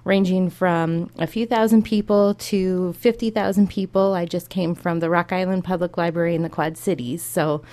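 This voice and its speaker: A woman's voice: on the low side, steady tone, normal speed, hardly any pauses, warm tone. A young adult woman from Iowa, a public librarian, talking upbeat and in detail as an interview guest. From Iowa, USA.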